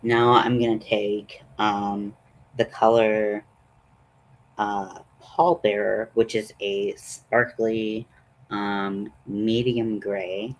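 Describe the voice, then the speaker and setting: A man's voice: fairly low pitch, level tone, drawn-out words, rough recording. A man hosting a casual, chatty makeup tutorial in a rambling, self-deprecating way. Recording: noticeable background noise.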